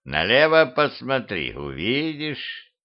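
Man doing a creepy talking corpse, slow droning doom voice, muffled audiobook sound. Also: medium pitch, very animated. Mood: ominous. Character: talking male corpse, ominous and nagging. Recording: dull lo-fi home recording.

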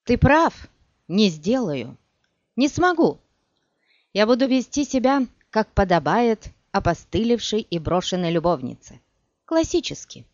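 A woman voicing a proud, scornful sorceress who speaks in a sharp, biting, mocking way, in an audiobook. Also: on the low side, big pitch swings, measured pace, no room sound. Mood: furious. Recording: dull dry recording.

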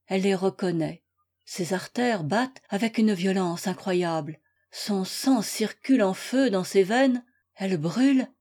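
A woman reading a classic novel aloud in a measured, dramatic way. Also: mid-range voice, a little mellow. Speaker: audiobook reader. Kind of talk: scripted literary narration.

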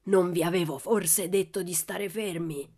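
A woman voicing a brutish, bullying man who shouts and growls threats, in a radio story reading. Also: low voice, little pitch movement, normal speed. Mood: growling, threatening.

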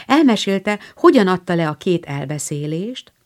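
A woman's voice: fairly low pitch, big pitch swings, darkish tone. A woman narrating a classic novel as an audiobook, telling the story expressively. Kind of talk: scripted narration.

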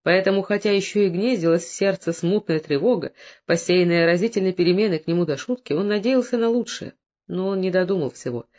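Audiobook narrator, steady storytelling, mid pitch, muffled lo-fi sound. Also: brisk. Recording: dull lo-fi recording.

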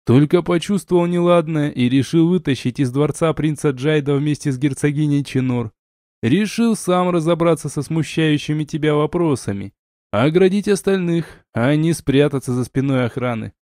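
A male audiobook reader voicing a calm, wry male companion who lists things in a dry, matter-of-fact way, in a close, dead recording. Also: on the high side, normal speed, no echo, natural voice. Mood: dryly mocking.

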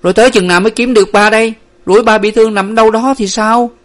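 A man reading a storybook aloud, voicing a bossy, fierce young woman who is the eldest sister, with a sharp, scolding manner. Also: on the high side, fast, voice pushed up, close to an everyday voice. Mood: frantic.

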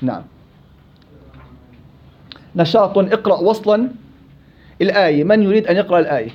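Brisk Levantine Arabic tajweed teacher. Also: male voice, high-pitched, lo-fi sound, a little hiss or hum. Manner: brisk and animated, drills students by repeating examples slowly. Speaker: Quran recitation teacher. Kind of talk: live tajweed class, questioning students.

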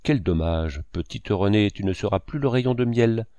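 A man's voice: lowish voice, moderate pace, dark tone, no room sound, close to an everyday voice. A man reading as a brooding, anxious young man. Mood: wistful.

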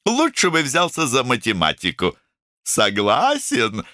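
A man's voice: medium pitch, wildly swooping pitch, unhurried, pushed and bright, no room sound, studio quality, pitched above the performer's own voice, full character voice. A man voicing an outspoken middle-aged woman doctor who talks emphatically and teases. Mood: emphatic. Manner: emphatic, scolding, teasing.

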